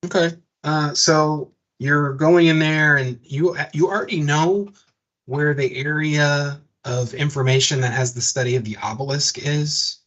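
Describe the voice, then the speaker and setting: A man's voice: a little high, fairly even intonation, a little slow, fairly bright tone. A man acting as game master of a tabletop game, talking casually and correcting himself as he goes. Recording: dull lo-fi audio.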